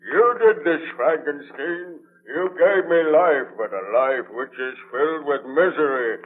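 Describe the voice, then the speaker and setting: A man's voice: fairly high pitch, measured pace. A man playing an anguished, vengeful monster in a 1930s radio drama, speaking in a portentous, declamatory way. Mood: bitter, pleading. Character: anguished, vengeful male monster, lonely man-made creature. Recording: tinny band-limited 1930s radio broadcast.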